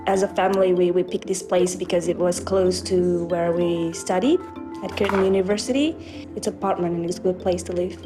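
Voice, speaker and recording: A woman's voice: fairly low pitch, brisk, music in the background. A young woman from Indonesia, talking about her life in a personal documentary interview, chatty and a little hesitant. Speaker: featured resident.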